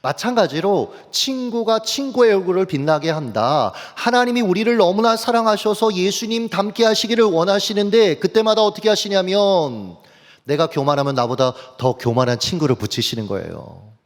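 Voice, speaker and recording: A male pastor preaching a sermon, telling personal stories in an animated way and speaking straight to his congregation. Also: high-pitched. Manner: animated, anecdotal, addresses congregation directly. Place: church sanctuary. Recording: long church hall reverb.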